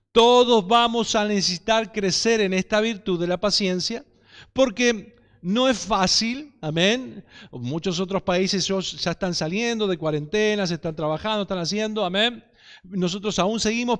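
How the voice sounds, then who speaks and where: A man with an Argentine Spanish accent preaches a sermon, breaking in with frequent amens. His voice sits high and rings smooth and clear. A long church-hall reverb follows each phrase. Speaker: pastor.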